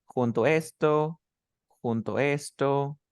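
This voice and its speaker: A man teaching an English pronunciation lesson one on one. He quizzes his student and repeats example sentences slowly to model stress. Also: mid-range voice, darkish tone, clean tone, no echo, studio quality. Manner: quizzes the student with quick questions.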